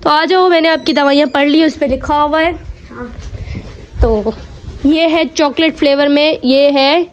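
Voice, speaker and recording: A young mother vlogging from her home, talking her viewers through everyday things in a chatty, step-by-step way. Her voice sits high. The recording is dull and muffled, with steady household noise behind her. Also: measured pace. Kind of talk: casual home vlog chat.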